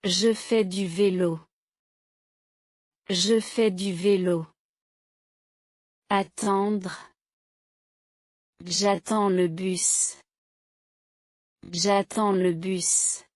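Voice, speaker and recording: A woman teaching French vocabulary in a slow drill, saying each word and then a short sentence twice, clearly and deliberately. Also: mid-range voice, fairly even intonation, no echo, clean studio sound. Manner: clear, deliberate, evenly paced.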